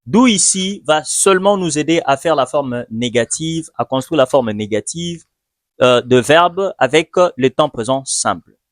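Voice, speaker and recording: A man teaching English in a video lesson, speaking patiently and repeating each example slowly. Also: fairly high pitch, lively intonation, no echo. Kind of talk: video lesson, slow explanation.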